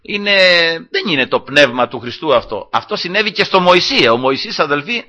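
A male preacher with a high, very bright and cutting voice, telling a scripture story with lively swings between soft asides and raised lines. He keeps turning to his congregation as brothers. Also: dull audio. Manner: keeps addressing listeners as brothers, acts out quotes, animated. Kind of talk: sermon retelling a scripture story.

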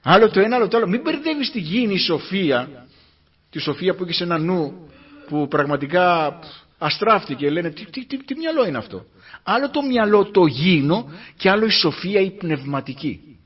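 Man, preacher, fervent sermon, husky voice, dull muffled sound. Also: expressive. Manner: fervent, exclaims hallelujah between points; rises from low murmurs to loud emphatic climaxes. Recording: muffled lo-fi recording.

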